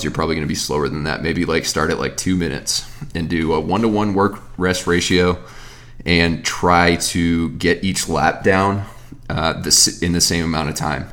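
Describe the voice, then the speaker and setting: A man's voice: sits low, fairly bright tone. A man in his thirties, a fitness coach and podcast host, giving casual, rambling Q&A advice with frequent restarts. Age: 30s.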